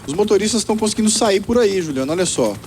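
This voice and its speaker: A man's voice: high voice, expressive, darkish tone. A man with a Brazilian accent giving a live traffic report from the field in a conversational way, with fillers. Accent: Brazilian Portuguese. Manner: fast, conversational, many fillers.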